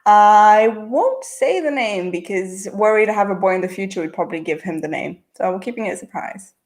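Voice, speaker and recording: A medium-pitched woman with a darkish tone and a mixed international-school accent hosts a livestream, reading out viewer chat questions and answering them. She's casual and chatty, responding quickly and using "uh" and "um" often.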